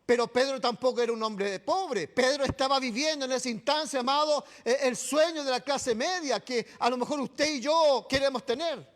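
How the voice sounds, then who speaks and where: A man's voice: extremely high pitch, moderate pace, hardly any pauses. A man with a Chilean accent preaching a sermon in a church, who keeps asking "right?" and calls the listeners "beloved". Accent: Chilean Spanish. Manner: keeps adding "¿cierto?" and "amado" to address the congregation.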